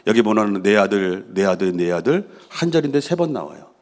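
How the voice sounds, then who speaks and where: Lowish-voiced pastor preaching. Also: male voice, big pitch swings, a little fast, a little mellow. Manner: engages the congregation with frequent questions and affirming "yes"; reads scripture aloud, then expounds with personal stories. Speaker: senior pastor. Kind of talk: sermon.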